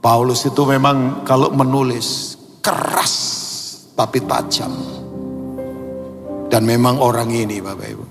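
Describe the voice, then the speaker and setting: A man preaching a sermon, animated, acting out dialogue and shouting for emphasis. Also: medium pitch, unhurried, gravelly, pauses often, over music. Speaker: pastor. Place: large church hall. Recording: long church hall reverb.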